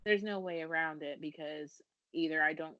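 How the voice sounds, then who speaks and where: A woman's voice: sits low, normal speed, no echo, highs cut off. A woman from the United States in her thirties, a business founder talking casually and earnestly in a podcast interview, laughing now and then. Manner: earnest, self-deprecating, laughs while talking.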